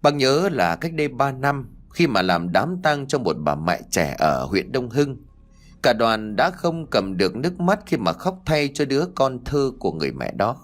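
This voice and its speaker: A man's voice: medium pitch, big pitch swings, moderate pace, lightly acted. A man voicing an older male hired funeral mourner, talking in a reflective, confiding way. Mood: sorrowful.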